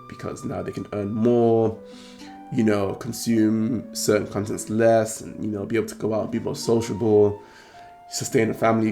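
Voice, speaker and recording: A British man hosts a trading card channel, talking casually to camera in a croaky, hoarse, gravelly voice. His voice is lowish with a warm tone, and he rambles while clearing his throat often.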